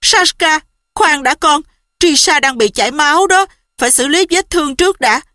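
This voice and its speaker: A panicked mother cries out in a high, bright voice, as a woman reading the story puts her on. Her alarm rings sharp against a dry, close recording. She sounds like she can barely stay steady. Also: moderate pace, no echo. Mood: urgent. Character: frantic, loving mother. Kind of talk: audiobook character voice.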